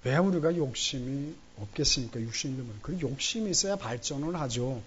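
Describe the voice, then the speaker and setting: Lively preaching man in church. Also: medium pitch, fairly quick, muffled recording, a little hiss or hum. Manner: animated storytelling, acting out church members' voices. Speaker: pastor. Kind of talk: sermon. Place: church sanctuary during Sunday service.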